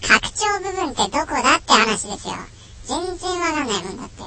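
A man's voice: very high voice, sing-song, fairly quick, very noisy. A man talking casually through a voice changer while reading comments, grumbling and mocking himself. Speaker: streamer reading viewer comments. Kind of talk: casual chat.

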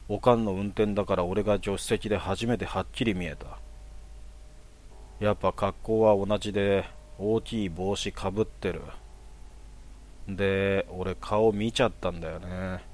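Low-voiced man telling a horror story. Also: fairly even intonation, normal speed. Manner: hushed, casual storytelling.

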